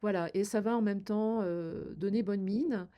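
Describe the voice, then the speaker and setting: The audio is dull as an older woman, speaking unhurriedly at medium pitch, walks viewers through her makeup routine. She's a beauty vlogger whose friendly advice comes out hesitantly, with plenty of fillers.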